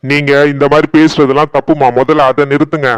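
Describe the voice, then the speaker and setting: A man voicing a gentle, steady young husband. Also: on the high side, brisk, smooth, no room sound, close to an everyday voice. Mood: firm. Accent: Tirunelveli Tamil. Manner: soothing to his wife, firm with his mother. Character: young husband, gentle, defends his wife. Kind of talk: cartoon voice acting.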